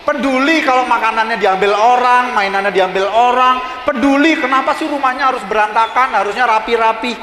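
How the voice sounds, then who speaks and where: A man giving a children's sermon as a pastor, animated and asking the children lots of questions. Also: very high-pitched, a little fast, hardly any pauses. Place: church hall. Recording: echoey hall with children's crowd.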